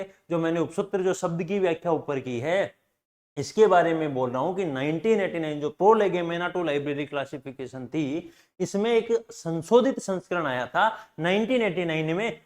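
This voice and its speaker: A man's voice: fairly high pitch, a little mellow. A man teaching a library science class, asking questions aloud and answering them himself, repeating key points for students to remember. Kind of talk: classroom lecture.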